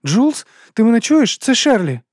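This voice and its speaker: A woman's voice: on the high side, big pitch swings, moderate pace, darkish tone, dry recording, studio quality, pitched above the performer's own voice. A male audiobook reader voicing an anxious woman mechanic speaking into a radio transmitter in a pressing tone.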